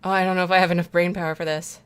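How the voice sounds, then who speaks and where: A woman's voice: on the low side, level tone, very fast, a bit bright, clear, resonant tone. A woman streamer chatting casually while playing a game, rambling, swearing freely and laughing often. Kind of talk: casual chat while gaming.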